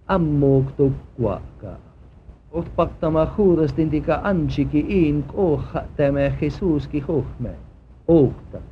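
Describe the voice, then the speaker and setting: Man reading scripture, somewhat high voice. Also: dull audio, a little hiss or hum. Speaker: scripture reader. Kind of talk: reading a scripture passage aloud.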